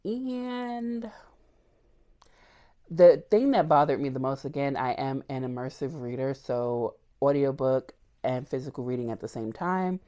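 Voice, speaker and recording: A woman's voice: extremely low pitch, measured pace, dark tone, dull audio. A woman book vlogger chatting casually and candidly about what she read, with frequent ums. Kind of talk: casual book wrap-up chat.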